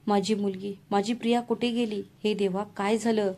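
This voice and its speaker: A woman's voice: medium pitch, fairly even intonation, moderate pace, warm tone, natural voice. A woman voicing a frantic middle-aged mother, pleading tearfully in a storybook reading. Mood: distraught.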